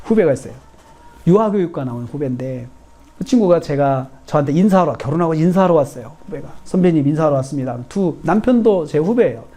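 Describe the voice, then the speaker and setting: Middle-aged male pastor, mellow and earnest sermon delivery, animated when quoting. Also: a little high, fast talker. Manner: acts out quoted speech in a raised, lively voice; earnest, repetitive preaching.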